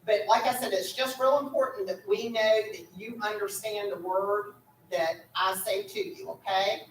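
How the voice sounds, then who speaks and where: A woman's voice: medium pitch, normal speed. A woman acting as pronouncer at a school spelling bee, patiently giving the rules and calling each word, often checking with "okay?". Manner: patient, instructive, repeats "okay?". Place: school room. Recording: echoey room from far off, faint noise.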